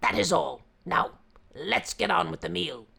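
A woman voicing a hungry, impatient male tiger who roars and shouts gruffly. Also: lowish voice, expressive, unhurried, full character voice.

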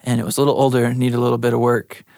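A man chats as a guest in a modest, hesitant way. His voice has a lot of fry at a medium pitch. The recording is close and dry. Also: level tone, very fast, a little mellow, dry recording. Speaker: interview guest. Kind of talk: casual chat.

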